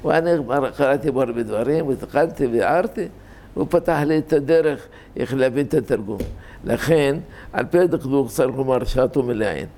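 A man's voice: medium pitch, a little mellow. An older man giving an informal Torah lesson on grammar, explaining patiently and drifting into anecdotes. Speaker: rabbi teaching Torah grammar.

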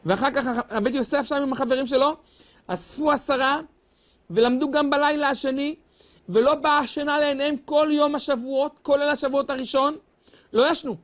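A man gives a fervent sermon in a high-pitched voice. His delivery rises and falls in a sing-song preaching cadence. He stretches some phrases into long, wailing cries. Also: steady tone, a bit bright.

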